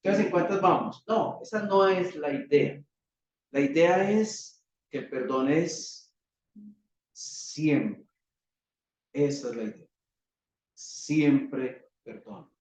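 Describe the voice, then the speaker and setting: Slow, high-voiced Colombian preacher in an echoey hall. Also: male voice, expressive. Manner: rhetorical questions, measured preaching with dramatic pauses. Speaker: pastor. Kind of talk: sermon. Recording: echoey hall, distant dull mic.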